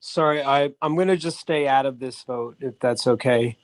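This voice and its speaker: A man, a commission member, speaking over a video call at a public meeting, halting and hesitant. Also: mid-range voice, a little hiss or hum, rough recording. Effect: heard over a video call.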